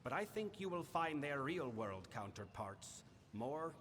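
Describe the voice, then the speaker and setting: An actor playing a solemn, imperious Fae lord in a fantasy game, speaking in a grave, measured, formal way. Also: male voice, mid-range voice, very animated. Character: solemn, imperious male Winter Fae lord of a failing house. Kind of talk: scripted fantasy game dialogue. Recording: long hall reverb, background noise.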